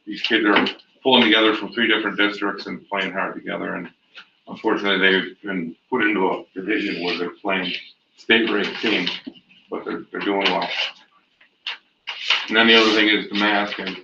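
A man on a school board speaking in a halting way with many pauses and blunt opinions. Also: low-pitched, steady tone, creaky. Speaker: board member. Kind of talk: meeting remarks. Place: school library meeting room. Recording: roomy, distant, noisy lo-fi mic.

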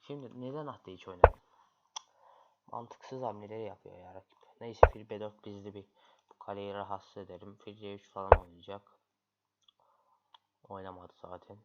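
A man's voice: on the low side, fairly even intonation, moderate pace, long pauses. A man commentating his own online chess games, grumbling and muttering in frustration at his opponent. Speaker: chess streamer. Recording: lo-fi, loud background noise.

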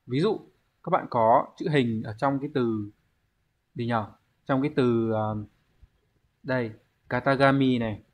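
A man's voice: mid-range voice, a little slow, pauses often. A man teaching an online exam-prep language lesson, explaining step by step and posing rhetorical questions to his students.

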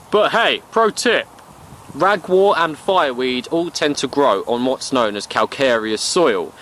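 Young man from the UK, playful slangy narration, bouncy animated pitch, faint outdoor noise. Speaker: bushcraft vlogger. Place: outdoors in woods and meadow.

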